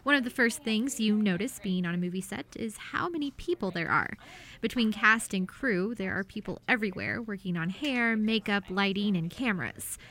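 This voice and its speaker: Woman, radio reporter, scripted feature narration, medium pitch. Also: moderate pace, a bit bright.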